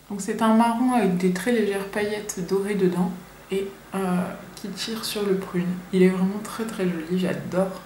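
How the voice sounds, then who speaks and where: A young woman talks through a makeup review in a chatty, enthusiastic way, pausing now and then to find her words. Her voice sits at a middle pitch. It rings in an echoey room over a faint background noise. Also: a little mellow. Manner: chatty, enthusiastic, some hesitations. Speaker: beauty vlogger.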